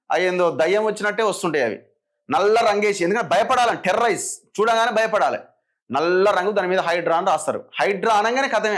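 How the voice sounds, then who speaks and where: A man's voice: high voice, fairly bright tone. A man with a Telangana Telugu accent giving opinionated political commentary, firing sarcastic rhetorical questions.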